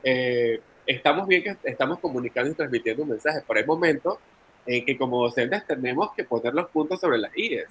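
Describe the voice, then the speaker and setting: A man's voice: mid-range voice, expressive, fairly quick, fairly bright tone, lo-fi sound, a little hiss or hum. A man with a Panamanian Spanish accent leading a teacher training session, explaining at length and calling on participants by name. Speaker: workshop facilitator.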